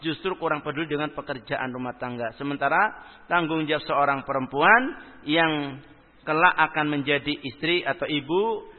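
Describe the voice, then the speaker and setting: A male preacher reading out audience questions and answering them in a religious Q&A lecture, often rising sharply in pitch for emphasis. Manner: reads questions aloud then answers with lively rising emphasis. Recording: phone-like sound with long hall reverb.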